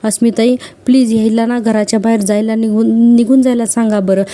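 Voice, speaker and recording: A woman voicing a furious, hurt young husband, read out in a quick recap. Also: fairly high pitch, steady tone, mellow, lightly acted. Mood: angry.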